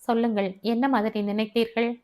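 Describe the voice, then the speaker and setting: A woman's voice: fairly high pitch, flat delivery, fairly quick, a little mellow, lightly acted. A woman reading the part of a frank, self-possessed divorced woman who speaks candidly, as audiobook dialogue. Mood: composed.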